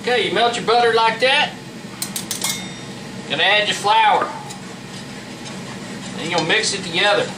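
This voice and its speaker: A man's voice: high-pitched, moderate pace, long pauses. A man giving a casual, folksy, plain-spoken cooking demonstration as a home cook. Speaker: home cook presenting a recipe. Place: indoor kitchen with a running fan. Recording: roomy, noisy fan hum, distant mic. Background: fan noise.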